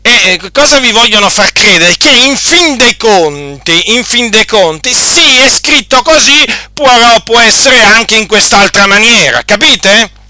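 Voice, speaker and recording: A man's voice: high voice, lively intonation, a little slow, bright, forceful tone, no room sound. A man preaching a sermon with impassioned emphasis and frequent rhetorical questions.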